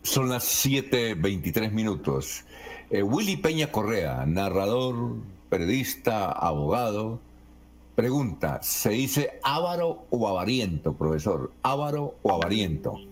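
A low-voiced man hosts a morning radio show. His pitch moves lively as he puts listeners' questions to the guest, with some hesitant fillers between them. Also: measured pace. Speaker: radio host.

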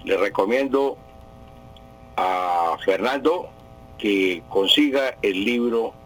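A man's voice: lowish voice, expressive, slow, a bit bright, rough recording. A man, a language expert on a radio call-in show, explaining with anecdotes and hesitant fillers.

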